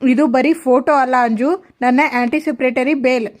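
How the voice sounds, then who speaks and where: A woman voicing a scheming middle-aged mother who confides her plots calmly and matter-of-factly. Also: high voice, moderate pace, close to an everyday voice. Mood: confiding.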